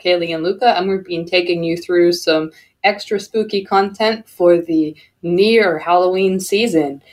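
A woman co-hosting a radio show in casual chat, talkative and laughing often, with many fillers. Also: on the low side.

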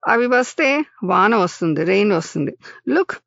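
A woman voicing a caring, calm grandfather who soothes and explains things to children. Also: mid-range voice, moderate pace, creaky, no echo, lo-fi sound. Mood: reassuring.

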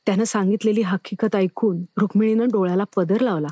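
Calm woman reading a story. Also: mid-range voice, fairly quick, dry recording, clean studio sound. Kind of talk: storybook narration.

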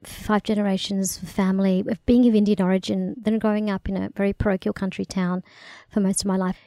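Creaky, mellow woman with a country Australian accent. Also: medium pitch, no room sound. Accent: country Victorian Australian. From country Victoria, Australia. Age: middle-aged. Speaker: guest, cross-cultural consultant. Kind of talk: conversational interview answers.

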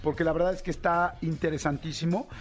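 A man hosting a podcast interview, talking in a quick, animated way and correcting himself as he goes. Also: fairly high pitch, soft background music. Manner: fast, animated, self-correcting. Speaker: podcast host. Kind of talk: casual interview chat.

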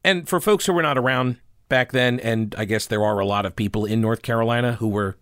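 Male podcast host, slightly harsh hoarse voice, informal, opinionated monologue, dry close studio sound. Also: mid-range voice, a little fast, a bit bright, dry recording. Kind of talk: conversational talk show monologue.

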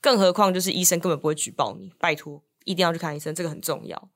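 A woman's voice: fairly low pitch, very fast. A woman with a Taiwanese Mandarin accent hosting a podcast as a lawyer, earnestly urging her listeners. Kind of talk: casual podcast interview.

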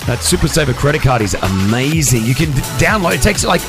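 A man hosting a breakfast radio show, energetic and joking as he runs a call-in game. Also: medium pitch. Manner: energetic, joking, quick restarts. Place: radio studio. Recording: music bed under the voice.

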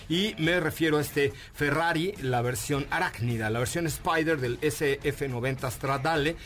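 Enthusiastic and jokey, a man hosting a radio car show chats casually with lots of slang and fillers. His voice is fairly high in pitch with a fairly bright tone, and he has a Mexican Spanish accent.

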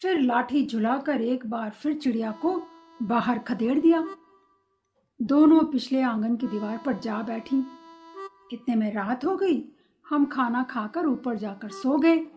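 A woman narrating a story aloud in a slow, expressive reading. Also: on the high side. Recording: soft instrumental music behind. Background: faint music.

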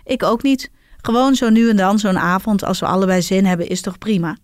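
Easygoing male lover read by a woman narrator, relaxed, casual. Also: mid-range voice, brisk, no room sound, studio quality, close to an everyday voice.

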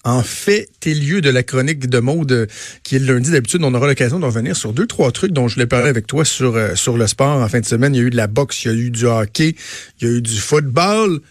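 A man's voice: medium pitch, expressive, quick pace, no room sound, clean studio sound. A man in his thirties with a Quebec French accent, hosting casual talk radio and often repeating words as he thinks. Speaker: radio host.

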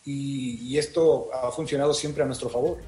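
A Mexican voice actor speaking on a panel, an animated storyteller. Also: male voice, medium pitch, moderate pace, faint music behind. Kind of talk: panel talk. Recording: roomy virtual panel audio.

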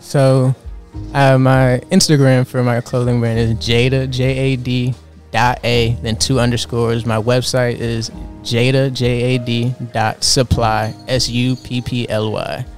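A young man, a clothing designer, answering interview questions in a soft-spoken way full of "like" fillers. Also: mid-range voice, little pitch movement, unhurried, soft background music.

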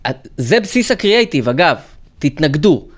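A man co-hosting a casual political chat, telling stories and mimicking shouting protesters. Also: on the high side, big pitch swings. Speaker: podcast co-host.

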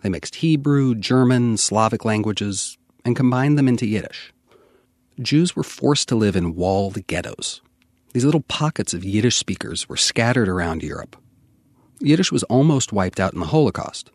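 A male radio reporter with a very lively, mid-pitched delivery. He reads scripted feature narration in a dry, close-sounding space. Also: no room sound.

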